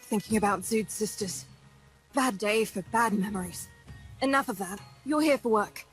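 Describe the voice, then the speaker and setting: A woman's voice: mid-range voice, normal speed, faint music behind, lightly acted, low-quality recording. An actress playing a tough, wisecracking woman squad leader in video game dialogue, brash and teasing with nicknames for everyone.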